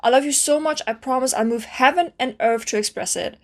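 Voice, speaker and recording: Girl doing a clingy yandere stray catgirl asmr roleplay, high kittenish voice, meek n pleading, super lovesick. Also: a little fast. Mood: lovestruck, devoted. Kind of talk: scripted ASMR role-play addressed to the listener.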